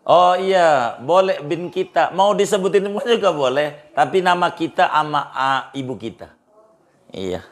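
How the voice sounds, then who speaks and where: Guy preaching casual style, repeats stuff for emphasis, pitch jumps up when he pushes a point. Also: lively intonation, unhurried. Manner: informal, emphatic, repeats phrases for stress. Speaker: Islamic preacher answering questions. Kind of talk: casual religious advice talk.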